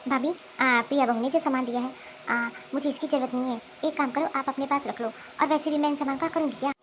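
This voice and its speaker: A woman voicing a remorseful, kind middle-aged mother-in-law in an animated cartoon, speaking earnestly. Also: sits high, fast talker, slight background noise, close to an everyday voice, rough recording.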